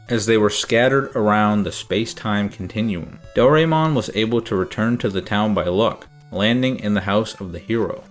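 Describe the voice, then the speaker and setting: Deadpan man reviewing games. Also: lowish voice. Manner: deadpan, sarcastic. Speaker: game reviewer. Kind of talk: comedic game review narration.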